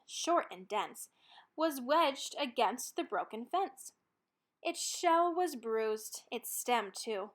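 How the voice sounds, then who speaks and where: A storybook reader with a high, fairly bright voice, this woman reads a rhyming picture book for children aloud. She reads expressively, putting dramatic emphasis on key words.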